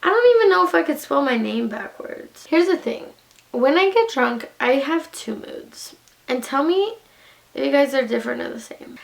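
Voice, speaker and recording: A young woman with a high voice that breaks into gravelly fry, rambling tipsily and giggly to her viewers. She is blunt and sweary, talking in loose, casual slang as she goes. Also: lively intonation, moderate pace, slight background noise. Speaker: beauty vlogger. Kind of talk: casual, rambling chat to camera.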